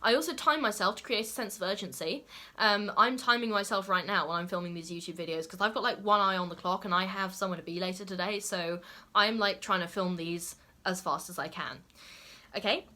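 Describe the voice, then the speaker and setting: Speaking a little fast with a bright, forceful tone at medium pitch, a young lifestyle YouTuber chats to camera in a casual way, her talk full of "like" and "okay?"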